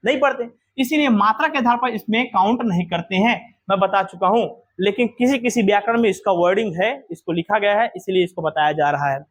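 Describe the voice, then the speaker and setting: A man's voice: high voice, a little fast, few pauses. A man teaching a grammar lesson to a class, quizzing students with repeated questions.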